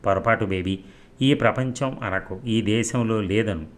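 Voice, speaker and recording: A man's voice: on the low side, unhurried, lightly acted. A man voicing a catty young woman who mocks her friends. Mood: mocking. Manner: mocking, snappy.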